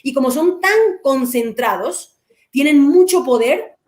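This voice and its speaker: A woman hosting an interview who summarizes and translates the guest's answers clearly. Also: high-pitched, expressive, a little slow, a little mellow. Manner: summarizing clearly, switching between English and Spanish. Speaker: host and interpreter. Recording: roomy echo.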